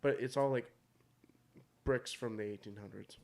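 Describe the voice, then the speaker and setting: A man's voice: mid-range voice, normal speed, vocal fry, darkish tone. A man chatting casually as a podcast co-host about travel and video games. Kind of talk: casual chat.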